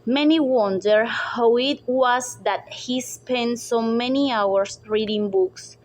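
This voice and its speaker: A young woman whose first language is Spanish, slowly reading a dark story aloud with careful pauses, over loud background music. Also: on the high side, rough recording. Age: young adult. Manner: slow, careful reading, with pauses between phrases. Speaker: student narrator. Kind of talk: read-aloud story narration.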